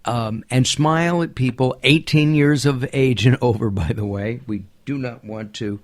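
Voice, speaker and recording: A man's voice: medium pitch, normal speed. A man hosting a radio talk show, chatting casually with fillers and restarts.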